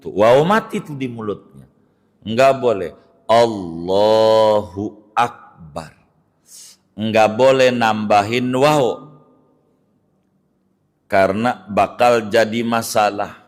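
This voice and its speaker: A man's voice: medium pitch, takes it slowly, long pauses. A middle-aged man, a cleric giving a religious study lecture, who draws out recited phrases to demonstrate them and corrects mistakes emphatically. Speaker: Islamic cleric teaching jurisprudence.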